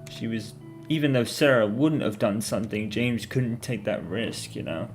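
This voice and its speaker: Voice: medium pitch, moderate pace. A player giving casual, laid-back commentary in short asides during a video game playthrough. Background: faint game music.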